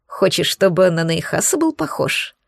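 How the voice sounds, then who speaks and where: A woman reading the part of a motherly, sly demoness who reassures in a calm, teasing tone. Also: on the low side, moderate pace, creaky, no room sound, studio quality, full character voice. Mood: reassuring.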